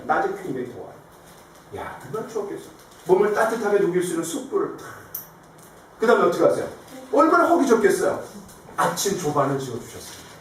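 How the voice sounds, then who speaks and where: A man preaching a sermon as pastor, telling stories animatedly and asking the congregation questions. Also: a little high. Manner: animated storytelling, acting out quoted lines. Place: church sanctuary. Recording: echoey hall, distant mic, faint noise.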